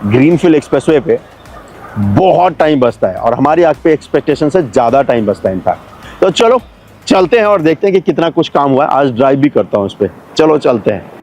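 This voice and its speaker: A man's voice: medium pitch, very animated, brisk, darkish tone. A man giving casual commentary for his video channel as he drives a new expressway and stops at a building site, explaining things to viewers in a chatty way. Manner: chatty, explains to viewers, calls them brother and friends. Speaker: travel and real estate vlogger.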